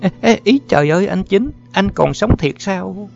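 A man doing a young woman with a raised, lively voice, coaxing and scolding a man she is fond of. She sounds like a storybook figure. The recording is slightly muffled, with faint music underneath. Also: a little high, moderate pace, vocal fry, voice pushed up. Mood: startled. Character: young woman, teasing and affectionate.

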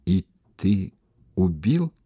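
A man's voice: low voice, sing-song, extremely slow, dark tone, breathy edge, no room sound, exaggerated voice. A man doing a desperate young woman pleading. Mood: frightened. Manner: breathless, pleading.

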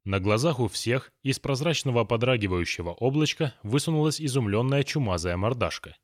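A man narrating an audiobook in an even, ironic storytelling manner. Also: medium pitch, fairly quick, no room sound, studio quality.

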